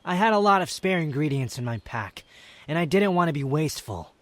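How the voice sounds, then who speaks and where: Man voicing haughty Scaramouche, animated and higher-pitched. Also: fairly quick, dry recording, close to an everyday voice. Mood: defensive, flustered. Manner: haughty, curt, scornful, defensive. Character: proud, prickly young wanderer man hiding affection. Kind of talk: scripted ASMR roleplay addressed to the listener.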